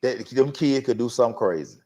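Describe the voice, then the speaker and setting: A man who once coached high school football, telling a story in casual, slangy sports talk and voicing the people in it. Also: a little fast. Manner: animated, slangy storytelling with voiced quotes. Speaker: sports talk show host.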